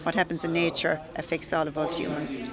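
A woman's voice: low voice, little pitch movement, brisk, over music. A middle-aged woman, talking in a chatty, discursive way in an interview. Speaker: goat farmer and cheesemaker interviewed. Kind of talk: conversational interview.

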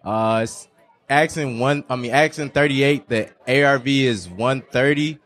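A man pitching a fix-and-flip property at an investors' meeting, halting and correcting himself. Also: a bit bright. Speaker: real estate seller pitching a property.

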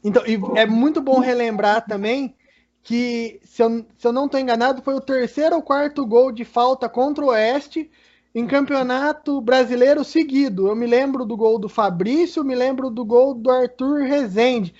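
A man's voice: normal speed, a little mellow. A man with a Brazilian accent giving casual football analysis as a co-commentator. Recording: dull, low-fidelity audio.

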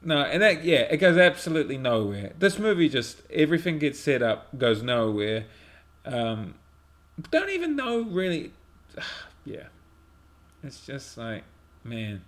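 A man's voice: mid-range voice, very animated, measured pace, fairly bright tone. A man co-hosting a podcast, chatting casually about a bad movie with dry, sarcastic remarks. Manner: dry, sarcastic, laughing asides. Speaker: podcast co-host. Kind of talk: casual movie review chat.

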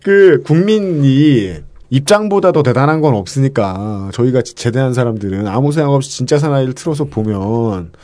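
A man's voice: mid-range voice, animated, moderate pace, hardly any pauses, dark tone. A man hosting a casual podcast talk, reacting with wry comments and chuckles.

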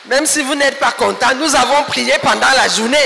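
A man preaching in French in a church, speaking slowly and emphatically, pausing for an interpreter. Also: very high-pitched, vocal fry, over music. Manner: slow, emphatic preaching, rising to shouts. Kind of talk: sermon in a church. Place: large church hall. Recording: echoey hall with faint ambience.

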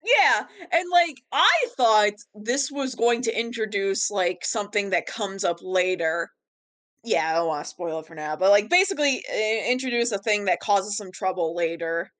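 A woman's voice: medium pitch, lively intonation, moderate pace, fairly bright tone. A woman co-hosting a podcast in loose, casual chat. She laughs often and leans on fillers and restarts as she recaps an episode with her co-host.

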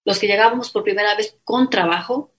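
A woman's voice: mid-range voice, fairly quick. A woman recounting a personal travel story in a casual interview, acting out the lines she and others said. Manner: lively anecdotal telling with quoted dialogue. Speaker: guest.

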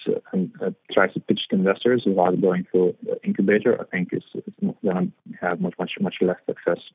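A man's voice: sits low, slightly rough, no room sound. A young man from Lithuania, a startup founder being interviewed, talking hesitantly with many fillers and repeated words. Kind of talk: interview conversation. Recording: tinny phone-like line.

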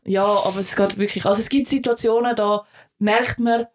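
A woman's voice: medium pitch, steady tone, moderate pace. A young woman with a Swiss German accent, co-hosting a casual chat podcast, talking bluntly with dry interjections. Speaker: podcast co-host.

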